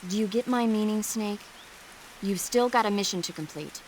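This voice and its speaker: Actress as calm female medic, faint hiss. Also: medium pitch, moderate pace, lightly acted, low-quality recording. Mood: reassuring, instructive. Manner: reassuring, firm. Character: calm, caring female field medic advising by radio. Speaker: medical support. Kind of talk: cinematic video game voice acting.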